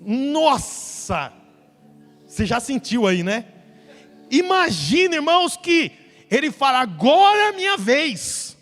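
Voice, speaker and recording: Male pastor, very high voice, lively storyteller, church hall echo with faint music. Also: slow. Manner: lively storytelling preacher who acts out the characters. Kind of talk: sermon.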